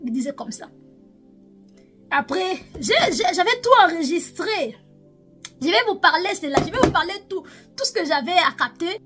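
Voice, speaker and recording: High-voiced Congolese prophetess, music behind. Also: female voice, animated, normal speed, long pauses. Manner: repetitive, emotional, switching into chanting. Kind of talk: testimony of a spiritual vision.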